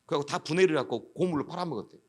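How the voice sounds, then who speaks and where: A man's voice: on the high side, rapid-fire. A middle-aged man giving a lecture as an education official, telling stories and acting out the voices of students and police. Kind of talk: anecdotal lecture with acted dialogue.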